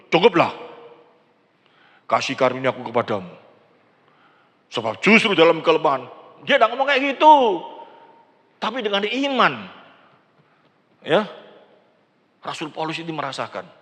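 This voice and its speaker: An older man preaching a sermon in a large church, acting out quoted prayers with animated delivery. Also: sits high. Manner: animated preaching, acts out quoted prayers, mixes in Javanese words. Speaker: pastor. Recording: church sound system with long hall reverb.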